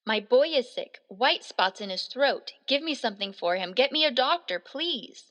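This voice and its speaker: A woman voicing a frantic, grieving Sicilian immigrant father with a Sicilian accent, speaking hushed, pleading, broken English. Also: a little high, expressive, moderate pace, pitched above the performer's own voice. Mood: desperate pleading.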